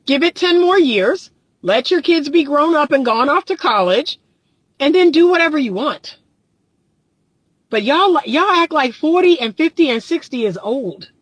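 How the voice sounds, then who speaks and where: A relationship coach in her thirties talks bluntly and casually from her car, reading viewer comments and laughing often. Her voice is high-pitched, expressive and unhurried, and the rough recording has no room sound.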